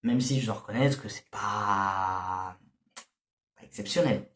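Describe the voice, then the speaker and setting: A man's voice: lowish voice, unhurried, very noisy. A man casually reviewing albums, hesitant and grumbly, full of fillers. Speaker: music reviewer. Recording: echoey room.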